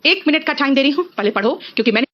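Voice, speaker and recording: A young Indian woman teaching English grammar in an exam-prep lecture, explaining briskly and calling her students "beta". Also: sits high, lively intonation, dull audio. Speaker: English teacher for competitive exams.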